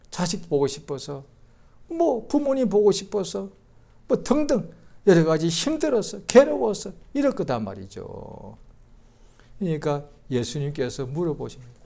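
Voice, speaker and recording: A male pastor delivers a Sunday sermon in a fairly high voice with very lively pitch. He drops to quiet, close asides and then bursts out loud as he acts out the people in the story. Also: creaky.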